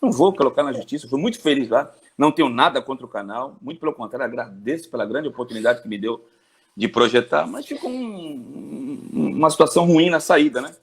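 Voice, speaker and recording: A sports journalist in his forties from Brazil, telling his story in an interview with animated swings in pitch. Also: a little fast, vocal fry, breathy edge. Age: 40s.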